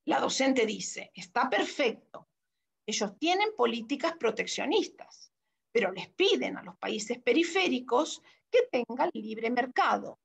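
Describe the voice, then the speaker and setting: Argentine woman lecturer, slow delivery, husky gravelly voice, reads classroom dialogue aloud. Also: fairly high pitch. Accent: Rioplatense Spanish. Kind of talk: academic lecture reading classroom transcripts.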